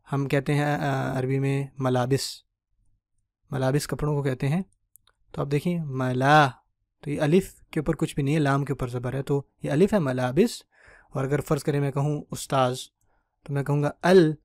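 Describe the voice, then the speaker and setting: A man teaching an online grammar lecture, patient and explanatory, who checks in with his listeners often and spells out word endings slowly. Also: medium pitch, a little mellow, no echo, clean studio sound.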